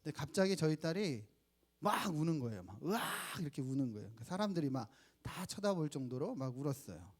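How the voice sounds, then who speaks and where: This thirties-aged pastor preaches from the church sanctuary, weaving in his own stories and questioning the people in the pews. He speaks briskly in a fairly high, slightly mellow voice that swings widely in pitch.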